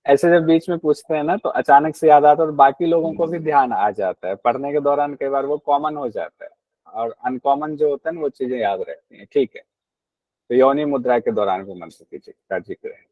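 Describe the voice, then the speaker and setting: A man's voice: mid-range voice, brisk, dry recording, narrow, tinny audio. A man teaching a class on a yoga text, explaining patiently, repeating key points and asking his students questions.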